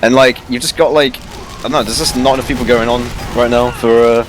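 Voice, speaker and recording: Male esports caster, rapid and excitable live match commentary, clearly noisy recording. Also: mid-range voice. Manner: excitable, exclamatory.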